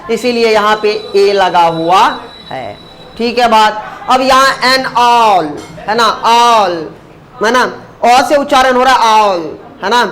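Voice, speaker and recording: In a very high voice with a fairly bright tone, this grammar teacher takes his time, breaking words into syllables. He repeatedly poses questions to the class and supplies the answers himself. A little hiss or hum can be heard.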